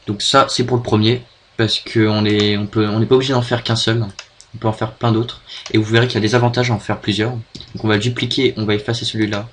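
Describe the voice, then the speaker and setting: A man's voice: fairly low pitch, flat delivery, fast talker, a little hiss or hum. French man hesitantly walking through a tutorial. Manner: hesitant, many fillers and restarts. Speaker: video tutorial maker. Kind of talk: screen-recorded software tutorial.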